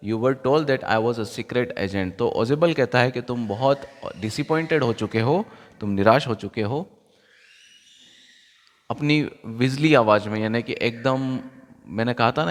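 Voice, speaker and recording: A young Indian man, an English teacher, reads the text slowly line by line and then explains it in quick, conversational Hindi with an Indian accent. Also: mid-range voice. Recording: long hall reverb.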